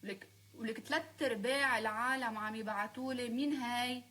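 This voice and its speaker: High-pitched Lebanese woman, heated rant. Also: steady tone, brisk, bright, forceful tone. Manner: confrontational, scolding and sarcastic. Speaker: singer speaking on a live stream. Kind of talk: heated live-stream rant.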